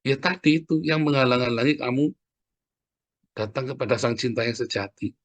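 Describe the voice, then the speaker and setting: A man's voice: medium pitch, normal speed, no room sound. A man preaching a sermon in a conversational, exhorting way, often turning to address the congregation directly. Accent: Indonesian. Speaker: pastor.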